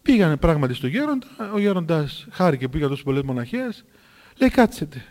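A man's voice: on the high side, sing-song, darkish tone, in a large hall. A man animatedly telling a miracle story in a sermon, acting out the dialogue as he goes.

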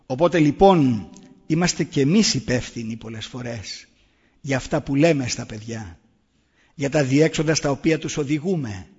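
A man's voice: mid-range voice, a little mellow, slightly rough. A middle-aged man giving an earnest public talk, answering the audience with pointed rhetorical questions. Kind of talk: public talk on raising children. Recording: echoey hall, dull lo-fi sound.

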